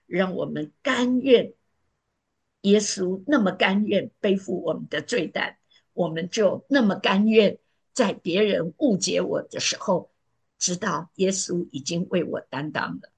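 A woman preaching a sermon in an earnest, emphatic way, sometimes sinking to a soft pleading tone. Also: lowish voice, measured pace, vocal fry, breathy edge.

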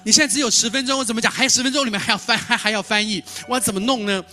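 A man preaching a sermon as a lively storyteller who repeats words and acts out dialogue. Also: very high voice, racing, soft background music. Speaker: pastor.

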